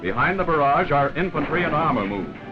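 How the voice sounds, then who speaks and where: A man's slightly high voice swings widely in pitch as he briskly reads scripted 1940s wartime newsreel narration, formal and dramatic. The recording is a dull vintage film soundtrack with loud background music.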